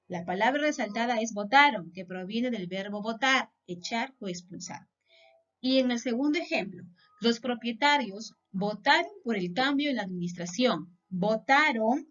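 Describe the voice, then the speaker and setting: Patient Peruvian woman teacher, unhurried, muffled lo-fi recording. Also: fairly high pitch. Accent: Peruvian Spanish. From Peru. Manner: patient, checks in with repeated questions. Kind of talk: classroom lesson. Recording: dull lo-fi sound.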